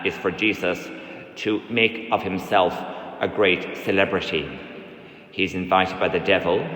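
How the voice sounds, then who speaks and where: A man, a priest giving a measured sermon with occasional hesitations in a large church. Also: low voice, fairly bright tone. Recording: echoey church from a distance.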